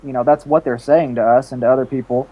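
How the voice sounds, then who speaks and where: A man's voice: medium pitch, steady tone, fast talker, dull audio. A man co-hosting a casual online panel, speaking earnestly for his cause, on a home computer mic over a video call. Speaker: podcast co-host.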